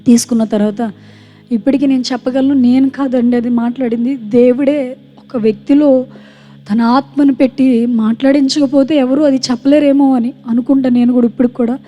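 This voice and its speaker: A woman's voice: high voice, fairly even intonation, moderate pace, lo-fi sound, faint music behind. A young woman giving a personal testimony at a live church meeting, speaking earnestly and politely to the congregation.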